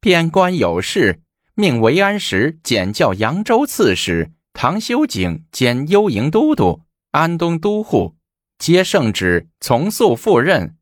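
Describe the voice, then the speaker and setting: A man's voice: a little high, huge pitch swings, slow pace, dry recording, studio quality, pitched above the performer's own voice, heavily acted. A man voicing an effeminate palace eunuch who reads out an edict in a drawling, sing-song way. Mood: proclaiming.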